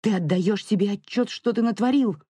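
An audiobook narrator voicing a furious, grieving young mother who shouts and accuses, near hysteria. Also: medium pitch, expressive, measured pace, breathy edge, no echo. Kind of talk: audiobook character reading.

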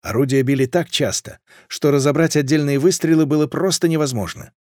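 A man reading a historical fantasy audiobook with steady, lively narration. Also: fairly high pitch, a little fast, no room sound, studio quality.

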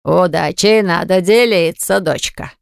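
A woman voicing a drunk, spiteful middle-aged father who drawls slowly and mockingly in a nasal voice, with a gravelly edge. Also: lowish voice, no echo, clean studio sound. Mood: sneering.

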